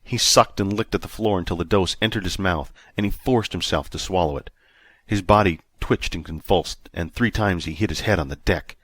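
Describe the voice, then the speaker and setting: A man narrating a sci-fi audiobook in a steady, measured storytelling manner. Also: low-pitched, dry recording. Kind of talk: scripted narration.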